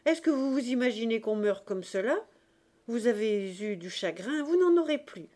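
A woman's voice: on the high side, animated, moderate pace, dark tone, pitched above the performer's own voice, close to an everyday voice. A woman reading the part of an earnest young man, urgently pleading in a raised voice. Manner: insistent, raised voice.

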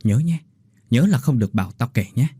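A man's voice: mid-range voice, expressive, brisk, dark tone, breathy edge, no room sound. A man voicing a nosy, gossiping woman neighbor at the market who insists on being heard. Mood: gossipy.

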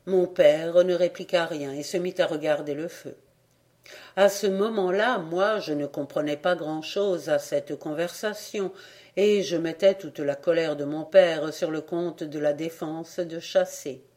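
A volunteer audiobook reader narrating a classic novel in a measured, even way. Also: medium pitch.

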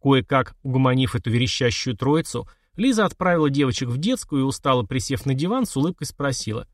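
Expressive male audiobook narrator. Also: medium pitch, fast, no echo, clean studio sound. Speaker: audiobook reader. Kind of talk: scripted narration.

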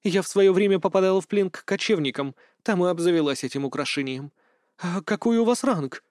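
A man's voice: sits high, fairly quick, a little mellow, no echo, clean studio sound, voice pushed up, natural voice. A man reading aloud voices a weary, stubborn noble baroness who talks in a tired, pleading way.

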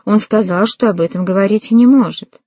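A woman's voice: mid-range voice, a little fast, mellow, no echo, close to an everyday voice. A woman voicing a timid, frightened middle-aged mother in an audiobook reading. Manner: timid, plaintive.

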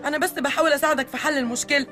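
Comic radio serial: an anxious Egyptian housewife who placates her husband, high and rapid, over background music. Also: steady tone, sharp tone. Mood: pleading. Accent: Egyptian Arabic. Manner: pleading, placating. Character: anxious, pleading Cairo housewife. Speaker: wife.

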